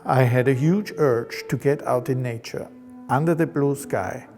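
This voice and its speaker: A man, calmly narrating his life as a painter in English. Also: medium pitch, measured pace, big-room sound, over music. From Austria. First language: German. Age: 50s. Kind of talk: reflective personal narration.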